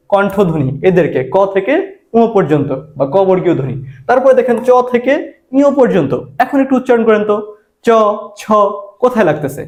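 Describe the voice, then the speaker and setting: A man's voice: sits high, a little mellow. A man, teaching an exam prep lesson and asking and answering his own questions. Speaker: admission exam tutor. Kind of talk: spoken grammar lesson.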